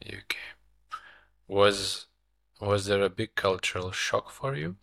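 A man hosting an interview, asking questions in a halting way with many repeated words. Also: fairly low pitch, gravelly, a bit bright, no room sound. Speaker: podcast host. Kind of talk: casual interview.

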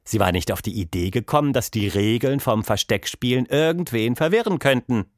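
A man narrating a children's audiobook in an expressive storytelling manner. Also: mid-range voice, a little fast, no echo, studio quality.

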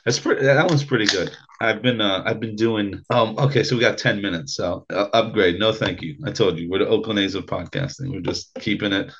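A man hosting a podcast, chatting casually and firing off lively questions. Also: fairly low pitch, slightly rough, highs cut off. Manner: lively, questioning, quick asides. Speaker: podcast host.

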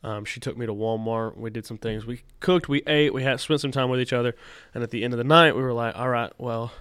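Male podcast co-host, blocked nose from a cold, casual slangy chat, slightly low pitch, close dry sound. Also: quick pace, fairly bright tone, clean tone, no room sound. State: congested from a lingering cold.

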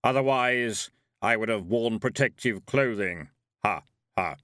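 A man voicing Death, a calm, courteous skeletal reaper who speaks slowly and formally. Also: on the low side, dry recording, studio quality. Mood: grave. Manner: slow, measured, formal.

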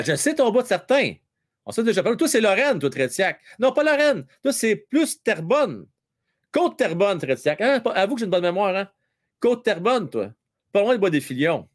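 A man's voice: high-pitched, very animated, normal speed. Chatty Quebec French man. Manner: chatty, teasing, repeats himself, many fillers. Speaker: live stream host reading viewer chat during a hockey game. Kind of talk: casual live chat with hockey updates.

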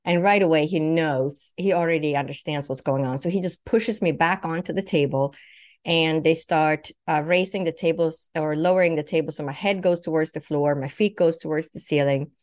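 A woman's voice: sits low, normal speed, darkish tone. A woman from Sweden telling a personal story in vivid detail, acting out what she thought and what others said. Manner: vivid, acts out quoted thoughts and speech. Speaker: guest.

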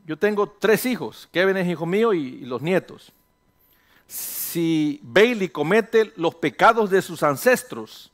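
High-voiced animated man preaching. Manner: animated, rhetorical questions, voices imagined listeners; mixes in English phrases. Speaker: pastor. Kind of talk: sermon.

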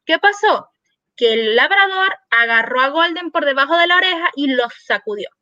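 A woman veterinarian guest on a podcast, telling a lively story and acting out the dialogue in quoted voices. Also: sits high, moderate pace, no room sound, highs cut off.

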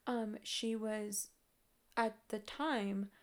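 A young woman vlogger telling a story in casual chat, animated, with lots of fillers and swearing. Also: medium pitch, extremely slow.

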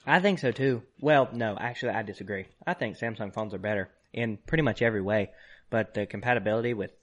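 A man's voice: fairly low pitch, fast. A young man co-hosting a podcast, chatting casually with short, dry, laid-back replies. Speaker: podcast co-host. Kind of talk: casual chat.

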